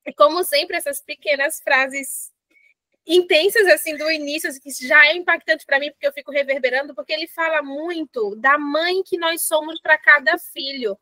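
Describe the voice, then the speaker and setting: A middle-aged woman, a parent educator hosting a book club, talking in an animated, reflective way with many fillers. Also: high voice, normal speed, dry recording. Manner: animated, uses fillers like "né" and "assim", reads quotes aloud. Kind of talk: casual reflective talk with read-aloud passages.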